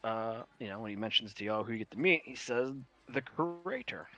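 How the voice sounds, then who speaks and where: A man with a New York accent narrating a tabletop game as game master, with a halting, emphatic delivery. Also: fairly low pitch, fairly even intonation, bright, forceful tone, lo-fi sound.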